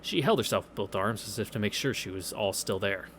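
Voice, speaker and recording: A man with a fairly low but slightly bright voice reads a visual novel aloud briskly, using lively intonation. As a let's play host, he adds sarcastic, sweary quips over game music and slight background noise.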